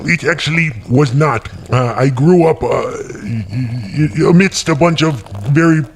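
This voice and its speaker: Brief: squeaky, strained slug-alien space rookie, stammering, faint noise. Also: male voice, measured pace. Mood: nervous. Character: nervous young male slug alien rookie pilot.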